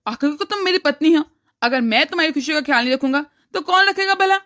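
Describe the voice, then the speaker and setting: A woman voicing a caring, agreeable young husband in a cartoon story, speaking in a gentle, reassuring way. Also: sits high, animated, fast talker. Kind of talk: cartoon voice acting.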